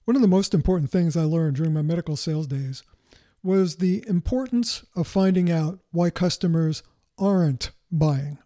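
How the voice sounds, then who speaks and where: A man's voice: fairly high pitch, moderate pace, warm tone. A man who coaches salespeople, giving a motivational talk with rhetorical questions and a story from his own career.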